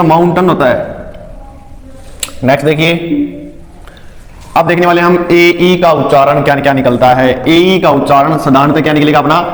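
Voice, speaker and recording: A man teaching English vowel sounds in a phonics lesson, asking questions and answering them himself, spelling words out slowly letter by letter. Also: fairly high pitch. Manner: asks and answers his own questions. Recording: echoey room with long reverb.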